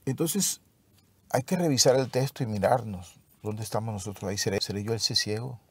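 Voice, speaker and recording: A man leading a devotional Bible lesson in a slow, reflective way, pausing and restarting as he explains the text. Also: lowish voice, slightly rough. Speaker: Bible teacher.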